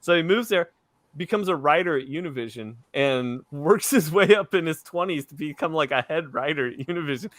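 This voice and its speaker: Fairly high-voiced male guest, dry sound. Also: animated, brisk, a bit bright, dry recording. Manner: laughing, loose storytelling with many fillers. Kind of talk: casual chat.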